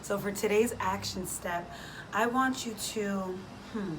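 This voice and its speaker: A woman's voice: mid-range voice, measured pace. A woman hosting a faith and fitness vlog, speaking informally and encouragingly straight to her listeners in a devotional style. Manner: informal and exhortative, direct address to listeners. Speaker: host of a faith and fitness challenge. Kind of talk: casual devotional vlog, prayer. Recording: clearly noisy background ambience.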